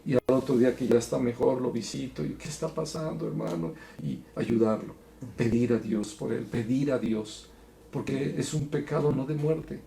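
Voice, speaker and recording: A man teaching a Bible study in an earnest, preacherly way, going from soft to emphatic. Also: medium pitch, fairly even intonation, moderate pace, gravelly, a little hiss or hum. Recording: echoey room.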